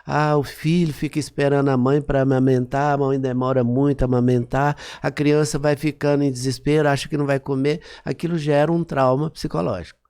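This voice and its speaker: A man with a gravelly, creaky voice and a dark, mellow tone talks as a psychologist guest on a podcast. He explains step by step like a teacher and keeps asking whether his listener follows. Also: mid-range voice, flat delivery, brisk, hardly any pauses. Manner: didactic, often checks understanding with "entendeu?".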